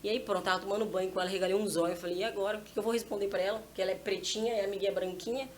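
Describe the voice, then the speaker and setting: A rapid, chatty woman shares a heartfelt anecdote about parenting. She slips into the voices of herself and her child as she talks. Her speech is quick, and faint room noise sits in the background. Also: medium pitch. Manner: animated, acts out dialogue with her child. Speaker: guest, mother of a small daughter. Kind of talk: casual storytelling testimony. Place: church podcast setting.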